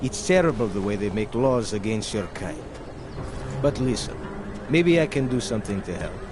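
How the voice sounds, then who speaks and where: An actor playing a corrupt, officious checkpoint policeman in a video game, with a deadpan, threatening manner. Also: fairly low pitch, normal speed. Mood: slick, coaxing. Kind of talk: video game character dialogue. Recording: noisy outdoor urban street with vehicles.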